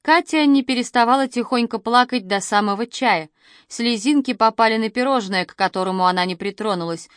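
A woman reading a first-person audiobook in a lively storytelling manner. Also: fairly high pitch, brisk, no room sound, studio quality. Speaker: audiobook narrator.

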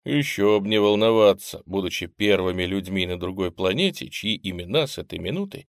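A man reading a story aloud with an expressive narration. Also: low-pitched, fairly quick, gravelly, dry recording, studio quality. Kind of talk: audiobook narration.

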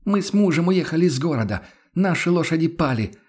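A man voicing a furious stranded townswoman in an audiobook, yelling hoarse, insulting demands. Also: on the high side, expressive, a little fast, voice pushed up. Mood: desperate. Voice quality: hoarse shrieking. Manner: yelling, insulting, banging on the door. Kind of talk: audiobook character voice.

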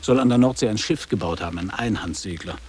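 This radio-play actor uses a lowish, darkish voice close to an everyday one, talking fast. He plays a nostalgic man of about fifty revisiting his former boarding school, declaiming memories in clipped, literary phrases with slight noise behind.

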